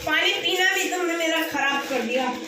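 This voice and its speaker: A woman's voice: extremely high pitch, normal speed. A young woman in casual banter, teasing and cheeky. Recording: echoey room with noise.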